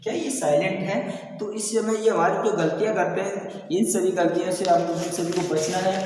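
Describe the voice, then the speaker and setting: High-voiced teacher in an echoey room. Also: male voice, fairly even intonation, normal speed, darkish tone. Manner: repeats questions to students, calls them beta. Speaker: English teacher. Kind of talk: classroom lesson on silent letters. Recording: echoey classroom from far off.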